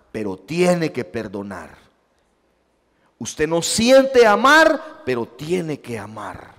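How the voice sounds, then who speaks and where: A man's voice: a little high, big-room sound. A man, a pastor with a Salvadoran Spanish accent, preaching a sermon and acting out the dialogue of his stories. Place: church sanctuary.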